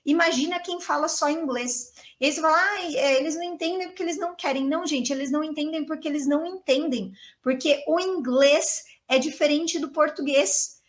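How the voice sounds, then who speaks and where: A woman's voice: high-pitched, fairly bright tone. A Brazilian woman teaching English in a chatty, emphatic video lesson, repeating key words for stress.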